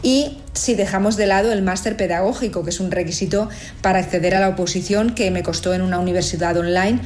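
A woman's voice: medium pitch, fast talker, darkish tone, a little hiss or hum. A woman in her fifties from Spain, giving a composed, orderly account in a recorded testimony. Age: 50s. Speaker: interviewee.

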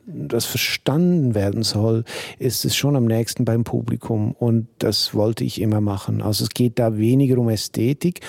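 A man's voice: medium pitch, creaky, dark tone, no echo, clean studio sound. A man in his sixties from Switzerland, with a mixed Swiss German accent, answering radio interview questions in a reflective, hesitant way with many restarts. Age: 60s. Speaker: cabaret songwriter, interview guest.

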